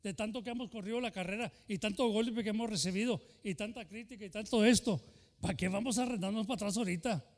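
Older pastor preaching passionately in a hall. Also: male voice, high voice, fast talker. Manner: impassioned, switching between Spanish and English. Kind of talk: bilingual sermon.

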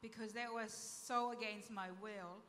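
Soft-spoken woman from Tonga sharing testimony. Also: a little high, steady tone, unhurried, in a large hall, slight background noise. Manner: heartfelt, soft-spoken, laughs often. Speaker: panel speaker at a church event. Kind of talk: testimony talk.

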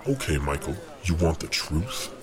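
An actor playing a mocking, menacing Satan, lord of the underworld, with taunting theatrical delivery in an audio drama. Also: male voice, a bass voice, very animated, moderate pace, crowd noise.

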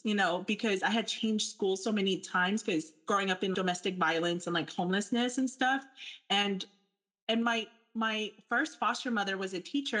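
During a panel discussion, a young adult woman reflects personally, speaking earnestly and candidly as she works through her thoughts with fillers. Her voice is mid-range with a fairly bright tone.

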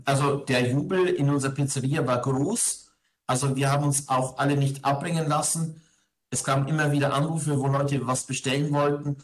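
With a medium-pitched, fairly even voice at a moderate pace, a man talks through interview questions in a thoughtful, conversational manner, pausing in frequent hesitation. He is a parish priest from Ingolstadt in Germany, where he grew up.

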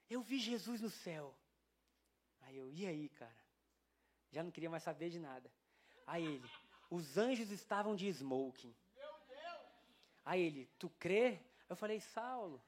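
A male pastor with a Brazilian Portuguese accent delivering a sermon in church, telling a story and acting out the dialogue. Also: high voice. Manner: animated storytelling, acts out quoted dialogue.

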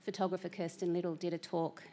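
A woman moderates a panel discussion in a lowish, warm voice with a level tone, talking fast. She sounds reflective and hesitant, filling her speech with plenty of "you know" and "um."

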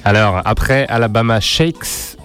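A man co-hosting a radio music show, listing bands and giving his opinions, with many hesitant pauses. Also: fairly low pitch, a bit bright. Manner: hesitant, many "euh" pauses, laughs easily. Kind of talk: casual radio chat presenting music.

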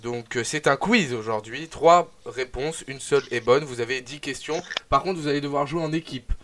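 Young man, radio host, mid-pitched voice, lively announcing, fillers, studio mic. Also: moderate pace, slight background noise. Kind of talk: live radio hosting.

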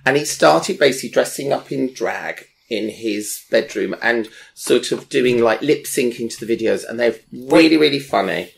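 A man's voice: mid-range voice, normal speed, creaky, few pauses, slight background noise. A man chatting enthusiastically as a presenter, rambling with fillers as he recommends people. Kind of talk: casual chat recommending online creators.

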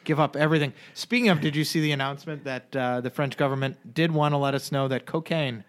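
Speaking at a quick pace, this podcast co-host is a man with a fairly high voice and a steady tone. His casual banter is jokey and rambling, full of frequent restarts.

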